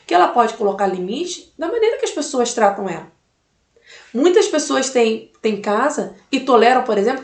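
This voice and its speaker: A fairly high-voiced woman talks straight to the viewer, giving firm motivational advice as a mother. She repeats her key phrases and keeps asking the listener questions. Her voice rings out in a roomy, echoey space. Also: darkish tone.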